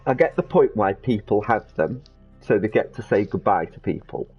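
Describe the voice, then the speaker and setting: A man's voice: lowish voice, animated, moderate pace, slightly rough, lo-fi sound, soft background music. A man hosting a game stream, chatting with friends over party chat, laughing often, swearing and teasing. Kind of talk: casual gaming banter.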